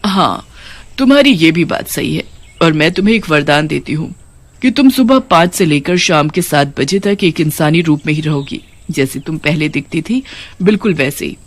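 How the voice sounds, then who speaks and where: A calm, commanding queen of witches in a cartoon story, as a woman reader voices her. She speaks evenly in a slightly lower register. The recording is dry and close. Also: no room sound. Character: kindly witch queen granting boons.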